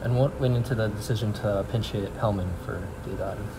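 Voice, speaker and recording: Flat, low-voiced male sports reporter. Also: brisk, heavy background noise. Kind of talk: press conference questions.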